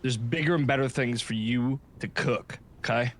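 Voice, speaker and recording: A man playing an earnest, supportive friend in improvised game role-play, chatting casually in a halting, repetitive, consoling way. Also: medium pitch, lightly acted.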